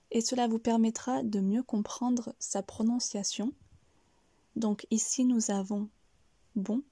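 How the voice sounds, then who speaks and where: A woman giving a careful pronunciation lesson, breaking each word into syllables in a soft, breathy delivery. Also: a little high, no room sound. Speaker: French pronunciation teacher.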